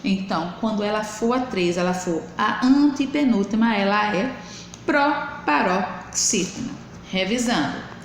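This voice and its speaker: Slow, patient teacher in an echoey room. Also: female voice, mid-range voice, animated. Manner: slow, drawn-out syllable counting. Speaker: primary school teacher. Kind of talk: recorded remote lesson for children. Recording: echoey room with faint hiss.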